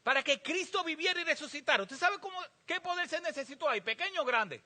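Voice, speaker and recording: A pastor preaching a sermon, asking the congregation emphatic rhetorical questions. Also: male voice, very high voice, animated, fast, sharp tone. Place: church sanctuary.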